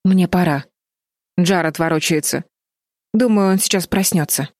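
A woman's voice: on the low side, moderate pace, a little mellow, no echo, clean studio sound, lightly acted. A woman voicing an anxious, sensible girl who speaks sternly and pleads, in a storybook reading.

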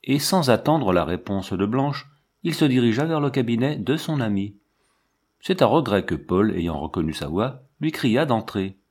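A man reading a classic novel aloud in a measured literary manner, shifting his pitch for the characters. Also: big pitch swings, darkish tone, husky. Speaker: audiobook reader.

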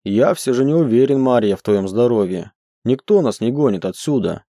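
A man reading an audiobook, voicing a huge, gruff bear-shifter husband who growls and gives orders, in a dry room. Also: medium pitch, animated, normal speed, warm tone, dry recording. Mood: demanding. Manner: commanding, bossy. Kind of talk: audiobook character voice.

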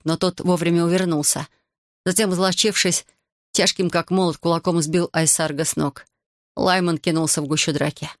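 An audiobook narrator giving a dramatic, measured literary reading. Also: mid-range voice, dry recording, studio quality.

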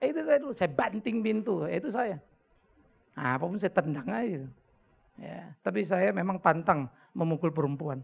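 A middle-aged man, a pastor preaching and taking questions, blunt and joking, swinging between loud outbursts and quiet confession. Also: sits high, animated, normal speed, vocal fry, husky. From North Sumatra, Indonesia. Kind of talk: sermon with audience Q&A. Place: church hall before a congregation. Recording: tinny lo-fi phone-like recording.

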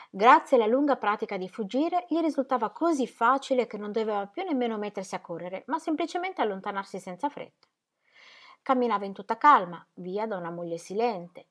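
A woman narrating a novel aloud with steady, measured delivery. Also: mid-range voice. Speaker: audiobook reader. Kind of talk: literary reading.

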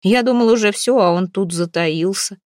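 A woman's voice: medium pitch, moderate pace, darkish tone, no echo, clean studio sound, close to an everyday voice. Woman doing a boyish young spearman. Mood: surprised. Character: young round-faced spearman youth, puzzled.

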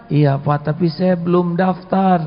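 A man's voice: sits high, fairly even intonation, a little slow, faint music behind, voice pushed up. A man doing an earnest pleading schoolboy. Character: earnest trusting young schoolboy. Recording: dull echoey hall recording.

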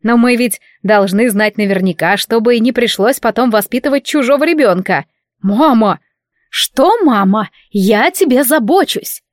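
Lady doing a bossy meddling mom in an audiobook, slow and preachy, close dry mic. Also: on the high side, dry recording, lightly acted. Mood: domineering. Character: bossy meddling middle-aged mother, overbearing.

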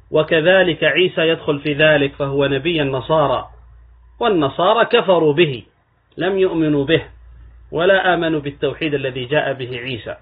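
A man teaching hadith in a measured lecturing cadence, his voice set a little high and husky. He leans into key words with rising emphasis. The recording is tinny and narrow, like it came over a phone line. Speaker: Islamic scholar. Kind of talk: religious lesson explaining hadith.

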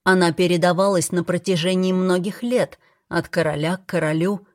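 A woman narrating a fantasy audiobook in the first person, in a measured, steady storytelling manner. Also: on the low side, no room sound, clean studio sound.

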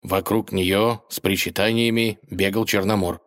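A man narrating a children's fairy tale audiobook in a calm storytelling manner. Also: lowish voice, measured pace, no echo, clean studio sound. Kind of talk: scripted narration.

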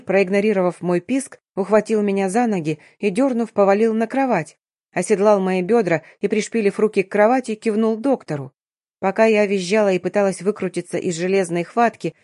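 Female audiobook narrator for a first-person novel, warm, dark tone, close and dry sound. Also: mid-range voice, no echo.

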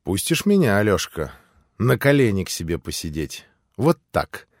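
A man reading an audiobook voices a lively, capricious young woman who teases playfully and flares up fiercely. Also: fairly low pitch, moderate pace, no echo, studio quality. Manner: playful, teasing, then vehement.

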